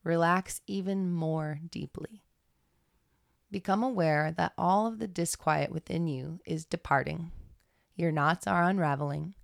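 A woman leads a guided meditation, reading in a measured, soothing way. Her voice sits low and carries plenty of fry. The sound is close and dry, with hardly any room in it. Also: no room sound. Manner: slow, soothing, measured delivery. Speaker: podcast guest reading aloud.

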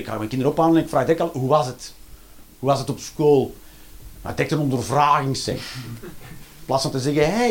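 A man's voice: a little high, a little mellow. A man in his thirties with a Flemish accent doing a rambling, sarcastic stand-up routine. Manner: rambling, sarcastic, repeats punchlines. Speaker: stand-up comedian.

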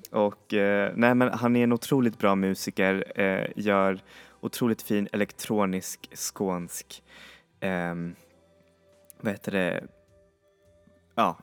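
A man's voice: sits low, clear, resonant tone. A man hosting a music podcast, chatting casually and enthusiastically, often stopping to search for the right word. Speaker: podcast host. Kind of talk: casual chat introducing songs.

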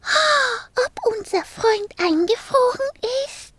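A woman voicing an anxious, caring little girl in a children's story, high and pleading. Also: a little slow, slight background noise. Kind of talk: children's audiobook reading.

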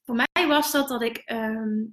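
A Dutch woman in her thirties, a business coach hosting a live stream, who tells candid, animated stories and swears now and then. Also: on the high side, a little slow, echoey room. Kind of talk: live stream storytelling to viewers.

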